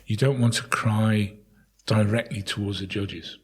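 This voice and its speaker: A man's voice: lowish voice, fairly even intonation, unhurried, breathy edge. A middle-aged man, a town crier being interviewed, telling anecdotes in a casual, chatty way and often repeating words as he goes.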